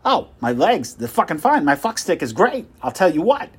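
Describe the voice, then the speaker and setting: A man's voice: on the high side, very animated, moderate pace, slightly rough. A man playing a pushy, insulting telemarketer who brags and swears. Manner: loud, insulting hard sell. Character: pushy rude male phone salesman.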